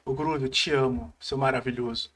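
A man's voice: mid-range voice, steady tone, normal speed, fairly bright tone, slight background noise. A young Brazilian man hosting a podcast, telling stories in casual chat with stammering restarts and acted-out quotes. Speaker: podcast host.

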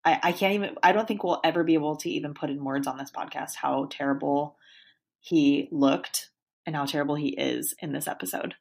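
A woman's voice: low voice, a little fast, creaky, breathy edge. A woman co-hosting a podcast, chatting casually and acting out quotes with animation. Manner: animated, acts out quotes from the show. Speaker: podcast co-host. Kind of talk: casual chat about a reality show.

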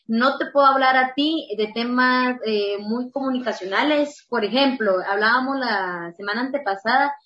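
A woman explains ideas in a patient, easygoing way, with a fairly high voice. The audio is dull and lo-fi, and it sounds roomy. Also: normal speed, few pauses, a bit bright. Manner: explanatory, laughs easily. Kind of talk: casual explanatory talk.

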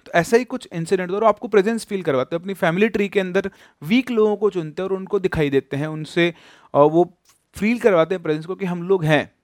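Male storyteller from rajasthan, dramatic spooky telling, bit high voice, dry close sound. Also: brisk, no room sound. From Rajasthan, India. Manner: animated, dramatic, addresses listeners directly. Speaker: storyteller host.

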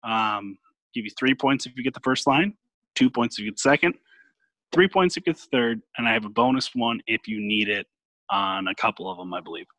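A man's voice: mid-range voice, a little fast, fairly bright tone, dry recording. A man co-hosting a casual podcast, running a music quiz game in a playful, chatty way with sing-song announcements. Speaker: podcast co-host and game runner.

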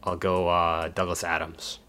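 Very deep-voiced laid-back podcast man. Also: monotone, unhurried, pushed and bright, clear, resonant tone. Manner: laid-back, swears offhandedly. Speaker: podcast co-host. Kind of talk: casual chat.

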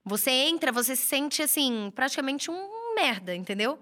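A woman hosts a chatty solo talk on business advice. Her voice sits somewhat high and sounds strikingly bright and forceful. She talks casually from an indoor room set up for recording. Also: sing-song, normal speed. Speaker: host and writer. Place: indoor room with a curtain backdrop, books and a computer.

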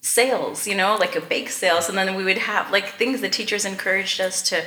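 Bright-voiced woman, from Canada. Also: mid-range voice, fairly quick, reverberant, slight background noise. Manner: enthusiastic, laughs often, many fillers. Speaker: podcast guest. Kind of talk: casual interview chat.

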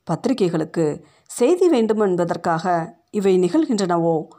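A woman reading a short story aloud in an expressive, dramatic storytelling manner. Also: lowish voice, measured pace.

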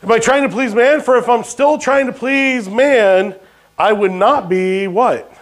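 A man's voice: extremely high pitch, a little slow. A pastor preaching a sermon, questioning his congregation and dropping jokey asides. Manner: call-and-response questions to the congregation.

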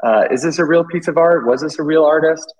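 A man's voice: a little high, a little fast, a little mellow, lo-fi sound. A British man, an artist guest, talking casually and hesitantly with many fillers and restarts. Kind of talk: casual interview chat.

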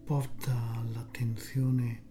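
A soft, breathy, half-whispering voice guiding a relaxation meditation soothingly, in short phrases with long pauses. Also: mid-range voice, level tone, faint music behind. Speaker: guided meditation narrator.

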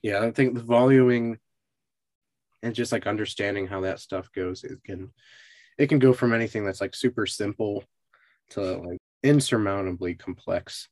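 Man, fairly low voice, dry sound, casual host who hedges with lots of "like". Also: normal speed, darkish tone, no room sound. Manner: loose, hesitant phrasing with many "like"s. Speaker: podcast host. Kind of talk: casual interview chat.

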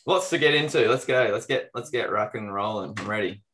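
A man's voice: on the low side, a little fast, fairly bright tone. An Australian man co-hosting a sports podcast in casual banter, with a laconic, slangy, blokey drawl. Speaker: podcast co-host.

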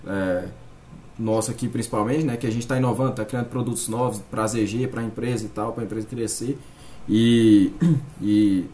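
A man with a Brazilian accent discussing casually, halting often and peppering his explanations with tag words. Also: on the low side, steady tone, mellow. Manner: halting, filler-heavy explaining with frequent "né" and "tipo". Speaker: podcast guest. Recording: faint background noise.

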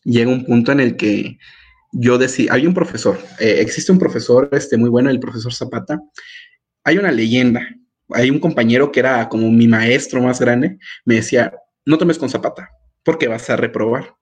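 A young man from Mexico, a student guest in a casual podcast interview, telling stories in an animated way and acting out his own past words. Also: medium pitch, normal speed, slightly rough. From Mérida, Yucatán, Mexico. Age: young adult.

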